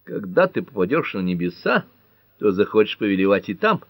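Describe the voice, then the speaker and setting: A man's voice: lowish voice, big pitch swings, fairly quick, gravelly, no room sound, heavily acted. A man reading an audiobook and voicing a sullen, sarcastic grown daughter. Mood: mocking.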